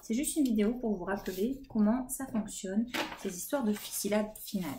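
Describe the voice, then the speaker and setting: French woman, kindergarten teacher, slow and patient, stretches words for small children. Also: mid-range voice, noisy background. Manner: patient, sings and stretches words to show syllables. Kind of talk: recorded lesson for young children.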